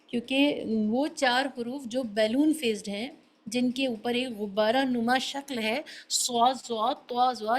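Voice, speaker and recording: A woman's voice: a little high, rough recording. A woman teaching a beginners' tajweed class, patiently explaining letter sounds and mixing in English terms. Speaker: Quran recitation teacher.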